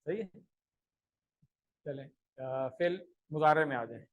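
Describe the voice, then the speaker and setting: Male language teacher, high voice; patient explainer who leads chanted recitation drills. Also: slight background noise, rough recording. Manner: explains in a steady teaching voice, then chants conjugation tables rhythmically; checks understanding with frequent rhetorical asides. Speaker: Arabic grammar teacher. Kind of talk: classroom lesson with recitation drills.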